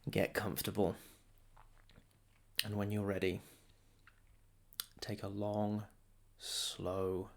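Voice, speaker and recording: A man guides a meditation in a soothing, gravelly voice whose pitch barely shifts. He goes very slowly and deliberately, placing short phrases between long silences.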